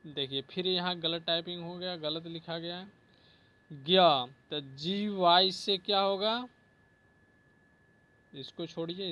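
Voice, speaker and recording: A male teacher giving a slow spelling lesson, repeating each word and often adding "ठीक है". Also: sits high, bright, forceful tone.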